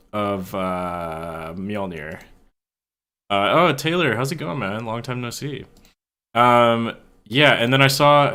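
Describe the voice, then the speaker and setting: A man's voice: on the low side, a bit bright. A young man chatting casually on a live stream while he works on a recording, reading chat aloud and swearing freely.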